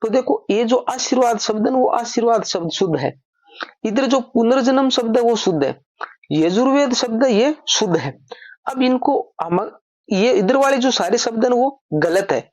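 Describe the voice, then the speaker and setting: A woman's voice: on the high side, expressive, moderate pace, darkish tone, dry recording, lo-fi sound. Patient woman teacher explaining grammar. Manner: repeats points as questions and answers them herself. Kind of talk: explanatory lesson.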